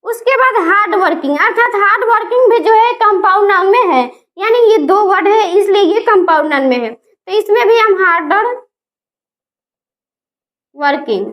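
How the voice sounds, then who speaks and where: Teacher, woman, very high voice, spells words out slowly in a grammar lesson. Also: animated, highs cut off.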